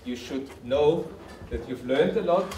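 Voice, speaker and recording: A man's voice: medium pitch, unhurried, dark tone, a little hiss or hum. Man giving a formal closing speech. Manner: formal, encouraging, repetitive phrasing. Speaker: camp organizer. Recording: roomy hall from a distance.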